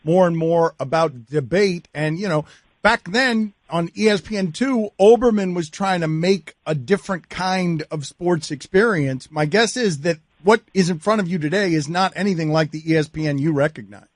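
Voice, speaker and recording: A man's voice: fairly high pitch, moderate pace, dry recording, clean studio sound. A man hosting a sports interview podcast, talking casually and introducing his guest. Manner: conversational, reads ad promos. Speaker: podcast host.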